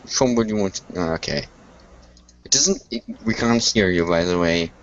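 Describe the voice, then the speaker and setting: A man hosts a relaxed group video call, joking and laughing as he talks. His pitch jumps around in a lively way, and the call audio sounds dull and lo-fi with a faint hiss behind it. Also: moderate pace. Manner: playful, laughs often, lively teasing. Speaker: hangout host. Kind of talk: casual group video chat.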